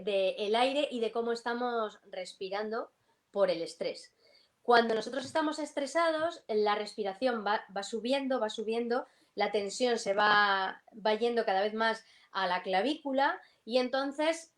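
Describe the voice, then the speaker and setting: A woman vocal coach, explaining breathing and voice in a live video interview, animated and illustrating with sung snippets. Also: a little high.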